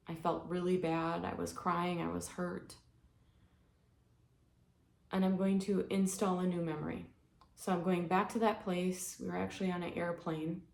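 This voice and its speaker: Gravelly, low-voiced woman guiding gently. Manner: gentle, soothing step-by-step guidance. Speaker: healing practice guide. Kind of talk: guided healing exercise. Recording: echoey room with faint ambience.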